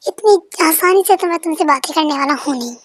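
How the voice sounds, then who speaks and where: A woman's voice: very high-pitched, brisk, no room sound, studio quality. A woman voicing a cool, teasing young man in a fan-dubbed story, smug and dismissive.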